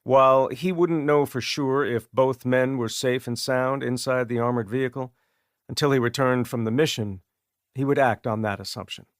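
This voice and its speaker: Speaking at a medium pitch, a man narrates an audiobook from a script, keeping his storytelling calm and even. The studio-grade audio carries no room sound at all.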